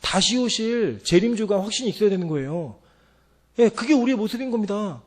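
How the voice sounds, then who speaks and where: Lively, fast-talking man preaching a sermon. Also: high-pitched. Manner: animated, acts out quoted voices. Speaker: pastor.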